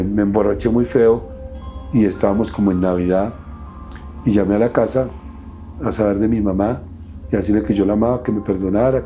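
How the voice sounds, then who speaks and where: A middle-aged man, recounting his past as an interview guest in a halting, emotional way with many restarts. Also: lowish voice, warm tone. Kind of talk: personal testimony in an interview.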